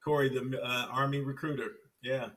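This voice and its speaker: A success coach from Compton, California, tells his life story as a podcast guest, animatedly acting out other people's voices as he goes. His voice is mid-range at a moderate pace, and he sits far from the mic.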